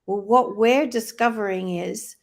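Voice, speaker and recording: A woman's voice: mid-range voice, a little slow. A woman co-hosting a live online discussion, speaking in a reflective, explanatory, conversational way. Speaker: co-host of a live faith-based wellness discussion. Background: plane passing loudly overhead.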